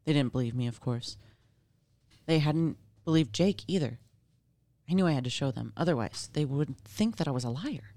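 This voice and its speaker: A woman's voice: a bass voice, animated, normal speed, warm tone. A woman casually reading a scary story aloud, with playful, informal asides. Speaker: story reader.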